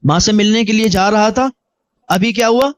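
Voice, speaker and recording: A man's voice: sits high, no room sound. A man preaching a sermon, telling a moral story earnestly and exhorting his listeners. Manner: earnest, exhorting, acts out dialogue. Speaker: Islamic preacher.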